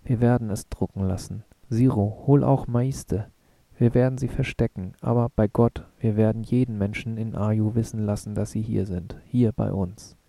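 A man's voice: fairly low pitch, fairly even intonation, normal speed, gravelly, dark tone, dry recording. A man reading the lines of an impassioned male rebel leader in an audiobook, with an urgent, insistent delivery. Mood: excited.

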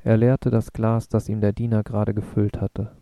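A man narrating an audiobook in a measured, steady reading. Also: lowish voice, no room sound. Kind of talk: scripted narration.

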